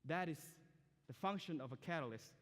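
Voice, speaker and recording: A young man from Myanmar, preaching as a student speaker, talks to a student audience in a chatty, direct manner and throws questions at them. His fairly high, fairly bright voice moves briskly with lively intonation, echoing with the long reverb of a big church or university auditorium.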